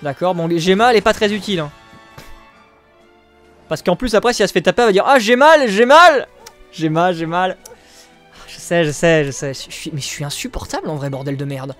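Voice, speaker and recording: Man, high voice, streamer, live gameplay commentary, crude jokes, excitable, laughs a lot. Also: a little fast, long pauses, faint music behind. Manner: joking, crude and self-mocking, often laughing; excitable, exclaims at the game.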